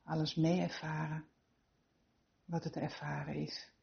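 A woman with a low voice and a noticeable creak leads a guided meditation. She gives soothing instructions and leaves the listener room to settle. The sound is slightly dull and muffled. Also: flat delivery. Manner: soothing, unhurried instructions with gentle encouragement.

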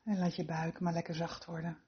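A woman leading a guided relaxation meditation with soothing, unhurried instructions and gentle encouragement. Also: on the low side, little pitch movement, highs cut off.

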